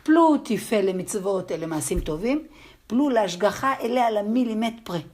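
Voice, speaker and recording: A woman with an accent giving a religious lesson to a group, telling stories in a halting way and often checking that her listeners understood. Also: mid-range voice, animated, darkish tone, a little hiss or hum. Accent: speaks with an accent. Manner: storytelling, with halting restarts. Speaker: religious teacher. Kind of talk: lecture to a group.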